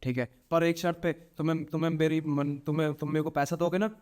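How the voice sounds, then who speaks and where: A man's voice: on the high side, fairly even intonation, a little fast, a little mellow, clear, resonant tone, close to an everyday voice. A man playing a frightened young village farmer who pleads and stammers. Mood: scared.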